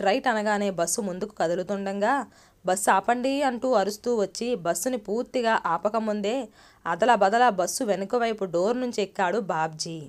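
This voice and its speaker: A woman storyteller narrating a moral story in a steady, even reading voice. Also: mid-range voice.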